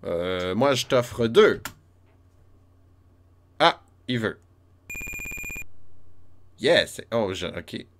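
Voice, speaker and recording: A man's voice: fairly low pitch, very animated, drawn-out words, pauses often, fairly bright tone. A man with a Quebec French accent giving casual, chatty commentary while playing an old role-playing game, laughing often and talking to his chat. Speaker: streamer playing a retro RPG. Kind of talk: casual let's-play commentary.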